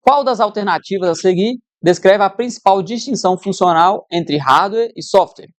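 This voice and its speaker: A woman's voice: medium pitch, moderate pace, no echo. A woman teacher giving an exam-prep lesson, conversational, who keeps checking in with her students.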